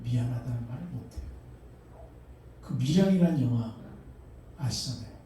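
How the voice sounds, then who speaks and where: A middle-aged man preaching a sermon as a pastor, animated, asking his congregation questions and acting out voices. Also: mid-range voice, a little hiss or hum. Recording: echoey hall, mic far off.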